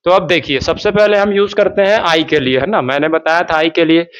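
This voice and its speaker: A man teaching a spoken English lesson in Hindi, drawing out his English example sentences slowly. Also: fairly high pitch, steady tone, fairly bright tone. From India. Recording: dull lo-fi sound.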